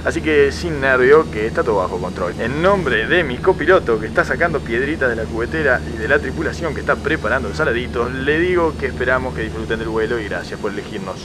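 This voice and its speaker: An actor playing a cocky, sarcastic airline captain with a Rioplatense accent, making a cabin announcement. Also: male voice, medium pitch, expressive, fast talker, hardly any pauses, close to an everyday voice. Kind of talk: cabin announcement in radio comedy. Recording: aircraft cabin noise behind.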